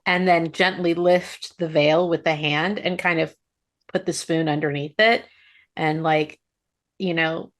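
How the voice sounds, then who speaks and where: A woman game master describes a scene for a tabletop game. She pauses often and fills the gaps with small words. Her voice sits low. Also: fairly even intonation. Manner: descriptive, halting with fillers.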